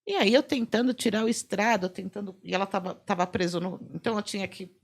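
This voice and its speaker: Brief: middle-aged Brazilian woman, forensic photographer guest, slightly gravelly voice, animated storyteller. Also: medium pitch, fast talker. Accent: Brazilian Portuguese. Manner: lively anecdotes, acts out quoted dialogue, laughs often. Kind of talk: animated storytelling in a podcast chat.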